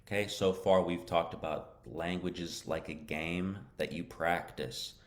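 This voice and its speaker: A man's voice: sits low, a little slow. A man teaching a lesson on a live stream. He talks casually, answers viewer questions, drops in Arabic words, and often checks with "okay?".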